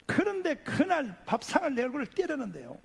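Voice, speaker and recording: A middle-aged man preaching a testimony sermon as pastor, telling stories with lively acted-out voices. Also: very high voice, fairly quick, gravelly. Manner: animated storyteller acting out voices.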